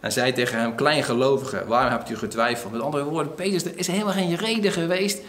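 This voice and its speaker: Man, pastor, sermon, animated retelling, many fillers, echoey room. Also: medium pitch, fast talker, a little hiss or hum.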